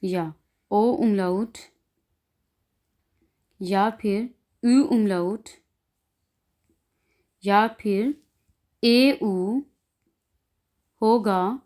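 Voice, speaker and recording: A woman with a Pakistani Urdu accent teaching an online class, speaking slowly and drawing out and repeating each example sound. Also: medium pitch, a little mellow. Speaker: language teacher. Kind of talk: online class explaining pronunciation.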